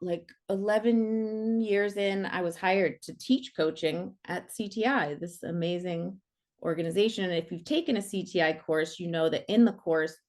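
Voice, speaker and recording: A middle-aged woman, a coach leading an online workshop, talking in a casual, animated and playful way. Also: lowish voice. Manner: animated and playful, many fillers like "like".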